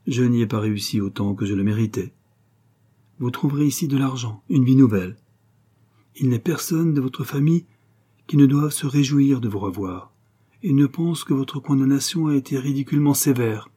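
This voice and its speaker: A man reading the part of a composed young gentleman who speaks frankly and tries to make peace. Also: medium pitch, moderate pace, breathy edge, voice pushed up, natural voice. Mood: pleading. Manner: frank and conciliatory.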